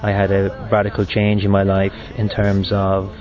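A man in his thirties with a west of Ireland accent gives a reflective faith testimony. His voice is lowish and very monotone, and he speaks haltingly. The recording is slightly dull, with faint music behind him. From Galway, west of Ireland. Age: 30s. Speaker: seminarian giving a personal testimony.

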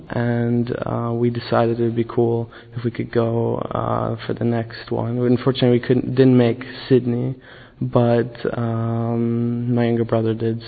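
A man's voice: medium pitch, vocal fry, phone-quality sound. A man in his twenties recounting a pilgrimage in casual testimony, hesitant with many fillers and restarts. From born in the USA, raised in the Caribbean and Poland. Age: 20s. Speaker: pilgrim interviewee.

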